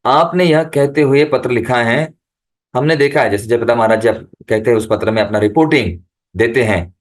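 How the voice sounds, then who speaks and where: A man giving a devotional discourse over a video call, reading letters aloud slowly and then explaining them. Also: mid-range voice. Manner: chants the holy name in a rising, lifted voice. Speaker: devotional speaker.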